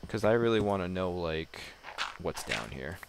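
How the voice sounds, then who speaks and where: A man's voice: low-pitched, animated, moderate pace, creaky. A man giving casual, rambling gameplay commentary, self-deprecating and swearing now and then. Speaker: gamer. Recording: noisy home mic recording.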